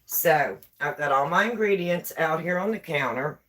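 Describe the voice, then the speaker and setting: Chatting on a laid-back baking live stream in her home kitchen, this West Virginia-accented woman reads out viewer comments and often says things twice. She has a low, fairly bright voice with lively intonation and speaks at a normal speed. A camera on a tripod serves as the microphone.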